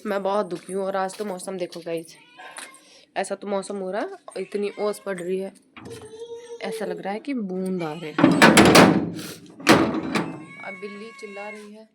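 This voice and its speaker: A woman's voice: mid-range voice, fairly even intonation, a little slow, pauses often, very noisy. A young woman vlogging casually at home, cooing and baby-talking to her infant son between remarks to viewers.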